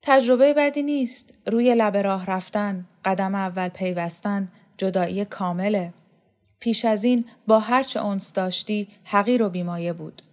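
A woman playing a calm mystic poet-magician. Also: medium pitch, close to an everyday voice. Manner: calm, philosophical, soothing. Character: calm mysterious man, a barefoot poet-magician.

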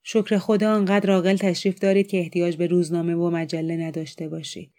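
A woman voicing a rude drunken masked man who mocks and orders people about in a loud, scornful way, in an audiobook reading. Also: fairly low pitch, little pitch movement, lightly acted.

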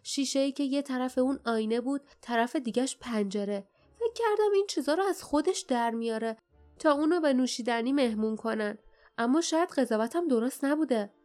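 A seasoned guard speaks firmly and decisively in a fairly high, plain voice. A woman reads him as part of an audiobook. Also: a little mellow, soft background music, natural voice. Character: sturdy, steady grown man, a seasoned guard.

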